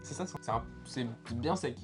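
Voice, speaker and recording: A man's voice: medium pitch, measured pace, music in the background. A man chatting casually and informally in slang as he co-hosts a food tasting. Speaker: food taster and co-host of a nutrition review. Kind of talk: casual chat.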